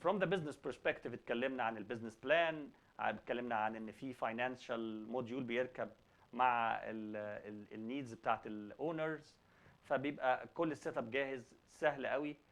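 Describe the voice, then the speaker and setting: Halting male host with Egyptian Arabic accent. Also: medium pitch, a bit bright. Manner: halting, repeats word beginnings. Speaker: talk show host. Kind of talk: conversational presenting mixing Arabic and English.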